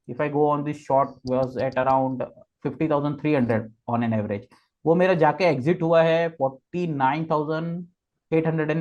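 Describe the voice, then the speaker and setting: Man, fairly high voice, explanatory, step-by-step chart walkthrough, muffled lo-fi recording. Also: a little mellow. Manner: mixes Hindi and English, explains step by step with frequent "okay". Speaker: trading guest expert.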